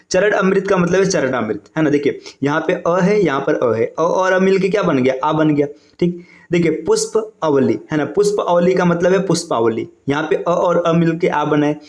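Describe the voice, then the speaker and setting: Guy teacher going over slides step by step, highish voice, lots of room echo. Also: a little mellow. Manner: explains step by step, keeps adding "है ना" and "देखिए". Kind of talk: exam-prep grammar lesson over slides.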